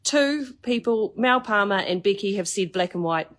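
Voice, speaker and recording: A relaxed woman co-hosting a live chat, reading out viewer comments. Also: medium pitch, moderate pace.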